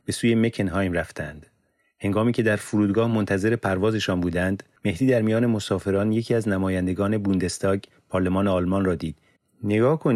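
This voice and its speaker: A man narrating an audiobook in a measured, even reading voice. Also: sits low, dry recording, clean studio sound. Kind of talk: scripted narration.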